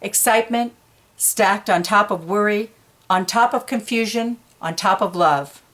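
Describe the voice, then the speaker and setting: Speaking unhurriedly in a medium-pitched, fairly bright voice, a woman reads a picture book to kids. Between lines she drops casual, conversational comments about the illustrations.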